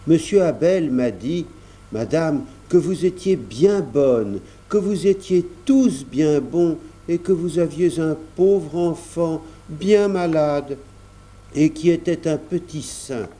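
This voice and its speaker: A humble young manservant speaks respectfully and earnestly, slowly and in a dark, mellow tone, read by a man. It is a storybook reading. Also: fairly high pitch, animated, voice pushed up.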